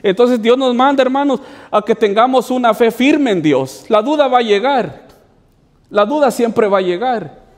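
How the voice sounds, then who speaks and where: Male pastor, high pitched, sermon delivery with lots of rhetorical questions, long reverb of a church hall. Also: animated, normal speed. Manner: preaching with repeated "hermanos" asides and rhetorical questions.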